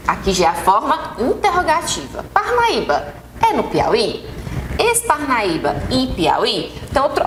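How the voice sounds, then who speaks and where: A woman's voice: on the high side, a bit bright, slight background noise. Brazilian lady teaching english on tv, voice jumps around a lot, echoey studio. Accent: Brazilian Portuguese. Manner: patient, repeats examples slowly, checks in with "tá bom?". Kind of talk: TV classroom lesson. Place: TV studio set.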